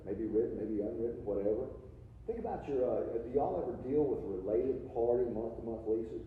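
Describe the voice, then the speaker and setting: A man's voice: medium pitch, expressive, moderate pace, slight background noise. Joking man lecturing in echoey hall. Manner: informal, joking, many restarts and asides. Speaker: accounting seminar presenter. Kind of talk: live continuing-education lecture. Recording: echoey hall, distant mic, dull lo-fi.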